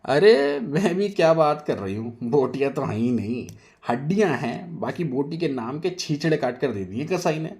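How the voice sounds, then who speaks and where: A man voicing a loud, rude and boastful woman who scolds and taunts everyone in a storybook tale. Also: a little high, sing-song, normal speed, pitched above the performer's own voice. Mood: taunting.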